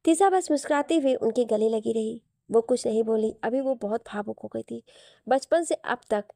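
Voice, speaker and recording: Brief: woman storyteller, scripted narration, fairly high, dry close sound. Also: gravelly, warm tone, no echo.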